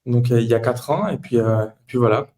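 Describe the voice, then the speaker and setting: Brisk and a little mellow, this mid-range voice belongs to a Toulouse native in his late twenties. He's appearing on a podcast as an entrepreneur guest, answering in a conversational way.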